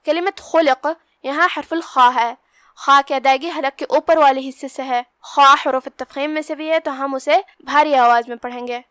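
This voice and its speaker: A woman with a bright, high voice leads a Quran recitation lesson. Her voice sounds dry and close, with no room around it. She draws out each verse slowly, then goes through the pronunciation rules in a calm, steady way. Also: no echo. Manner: slow measured recitation between plain explanations. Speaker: Quran teacher. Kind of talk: tajweed lesson.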